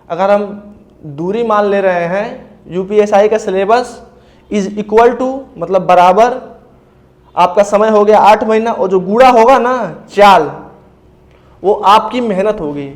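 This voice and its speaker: A man from India, giving casual step-by-step advice to exam aspirants and often checking in with his listeners. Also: high voice. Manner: explains step by step, often says "ठीक है भैया". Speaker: exam preparation coach. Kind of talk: casual spoken advice talk.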